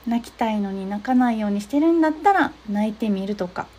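A young woman hosting an advice talk, explaining steps gently with frequent soft agreeing fillers. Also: medium pitch, lively intonation, fast, a little hiss or hum. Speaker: podcast host giving advice to therapists.

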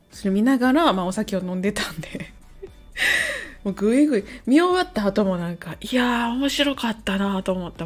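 A hungover woman talks casually to her listeners. She rambles a little, thinking aloud as she goes, in a medium-pitched voice. Soft music plays faintly behind her. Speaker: host, amateur-facing musician and songwriter. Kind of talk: casual solo chat to listeners.

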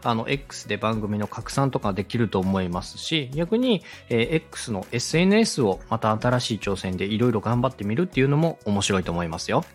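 A podcast host who is also a radio director gives advice, explaining politely and conversationally straight to the listener, with acted example questions. His voice is on the low side with big pitch swings, a little fast with hardly any pauses, over faint background music.

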